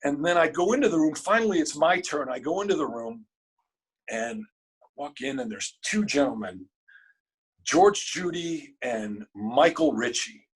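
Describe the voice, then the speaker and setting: A man, a guest in an interview, telling a story in a casual, animated and emotional way, cursing freely. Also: fairly high pitch, a little slow, slightly rough, low-quality recording.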